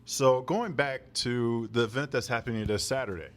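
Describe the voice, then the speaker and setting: A man's voice: mid-range voice, moderate pace. A man from Chicago hosts a podcast interview at a museum, talking in an easygoing, conversational way. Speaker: podcast host. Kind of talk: casual interview chat. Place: museum near a university campus.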